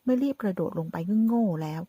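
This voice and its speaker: A woman's voice: mid-range voice, drawn-out words, sharp tone, breathy edge, dry recording, pitched above the performer's own voice, exaggerated voice. A woman reading aloud as a greedy, scheming middle-aged mother who talks brashly and scornfully.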